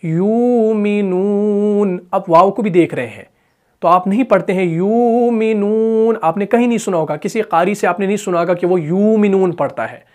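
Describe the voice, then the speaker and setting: A man with a Pakistani Urdu accent teaching Quran recitation. He asks questions and answers them himself, and stretches out the example words slowly. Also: high voice. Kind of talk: tajweed lesson.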